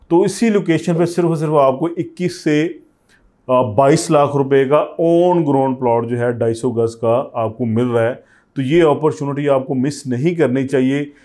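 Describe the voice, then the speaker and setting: A man in his thirties speaks with a Pakistani Urdu accent, pitching property deals straight to camera. His voice sits a little on the high side, and his delivery keeps urging viewers to buy. He is recorded close on a lapel mic in an indoor office studio. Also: a little mellow. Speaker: real estate agent.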